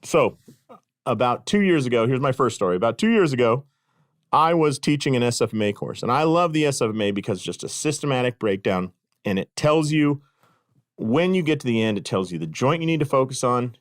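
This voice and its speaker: A medium-pitched, animated middle-aged man speaks briskly as he spins a casual, self-deprecating tale heavy with fillers. The podcast host and clinic consultant is captured on a podcast microphone in a dry, studio-quality recording.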